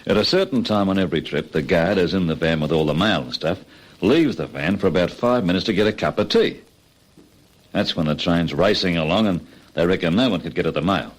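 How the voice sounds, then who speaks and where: In an old radio crime drama, an actor plays a cocky, impatient Australian criminal ringleader. His low male voice moves a little fast as he talks colloquially and persuasively, insistent and scheming.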